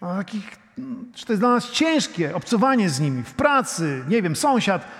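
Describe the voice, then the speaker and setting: A middle-aged man preaching a sermon, shifting between soft, intimate prayer and loud, emphatic preaching, talking straight to the congregation. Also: sits high, sing-song, normal speed. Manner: addresses the congregation directly, often saying "you know". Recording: long hall reverb.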